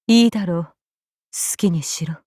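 A woman's voice: fairly low pitch, darkish tone, breathy edge, no room sound, clean studio sound. An actress playing a vengeful female gorgon monster in an anime game, imperious, cold and contemptuous. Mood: grudging, menacing. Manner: imperious, cold, contemptuous, deliberate archaic phrasing. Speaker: voice actor. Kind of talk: scripted anime game character lines.

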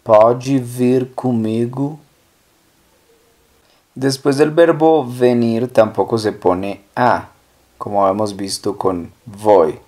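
A man teaching a language lesson at an unhurried, deliberate pace. His voice is dark and mellow, and he stretches out each model word before saying it again. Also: fairly low pitch. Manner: patient, drawn-out model words. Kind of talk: slow language lesson with repeated examples.

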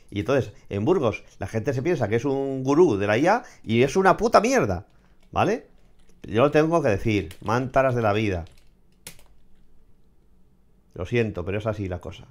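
Man, mid-pitched voice, sarcastic and blunt, vlog commentary. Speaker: vlogger commenting on clips and AI tools. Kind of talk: casual commentary.

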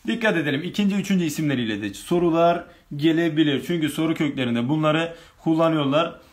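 This male teacher speaks fast in a fairly high, expressive voice while running a grammar class online. He reads out exam questions, then goes through each answer with his students one step at a time.

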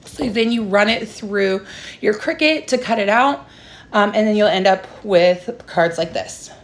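A woman's voice: mid-range voice, a little slow. A young adult woman talking informally and explaining a craft step by step in a casual livestream tutorial. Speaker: livestream host, craft seller. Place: small room indoors at home. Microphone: phone propped at arm's length.

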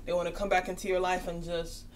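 Sleepy woman reading tarot; lowish voice, loose chatty delivery, faint background noise. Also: flat delivery, fast. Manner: chatty, repeats "okay?" often. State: tired, yawning. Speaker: tarot reader.

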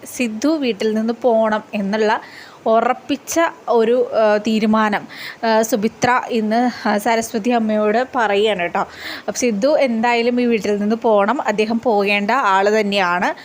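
A woman's voice: fairly high pitch, a little hiss or hum. A woman narrating a casual, chatty recap of a TV serial episode, full of tag words and fillers.

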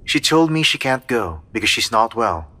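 A man dubbing a dignified young emperor who speaks in a measured, formal way. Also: medium pitch, big pitch swings, pushed and bright. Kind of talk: English drama dub.

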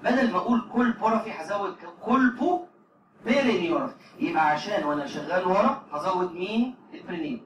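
A man's voice: sits high, animated, fast, few pauses. A man with an Egyptian accent giving a classroom lecture as a medical lecturer, drilling pronunciation and answering his own questions. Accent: Egyptian Arabic. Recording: echoey hall, distant mic, audible noise.

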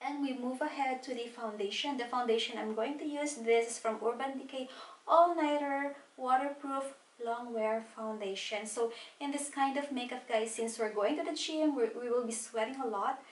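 High-voiced woman in an echoey room. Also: normal speed, recorded from a distance. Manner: chatty, walks through each product step by step. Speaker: beauty vlogger. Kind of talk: casual makeup tutorial. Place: small home room at a desk.

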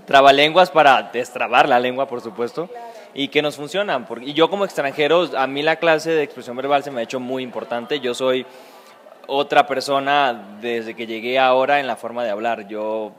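A man's voice: mid-range voice, steady tone, normal speed, fairly bright tone. Young Venezuelan man, earnest. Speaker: acting student. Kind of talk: casual interview answers.

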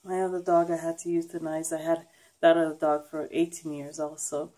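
A woman speaks in a fairly low, soft-edged and mellow voice. She sounds sad and worn down, talking hesitantly and casually, as if confiding in viewers of a personal vlog. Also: little pitch movement. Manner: subdued, hesitant, halting. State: sad, emotionally weary. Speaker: vlogger. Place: wood-panelled basement room at home, indoors. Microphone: handheld camera at arm's length.

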